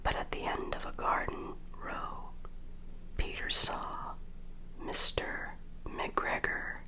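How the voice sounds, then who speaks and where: Female ASMR storyteller. Full breathy whisper throughout, unhurried and deliberate, gentle bedtime read for children's tales. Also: poor audio.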